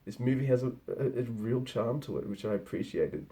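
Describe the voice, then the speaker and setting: A man's voice: mid-range voice, animated, a little fast, dark tone. A man giving a casual spoken film review, rambling and conversational, with frequent restarts.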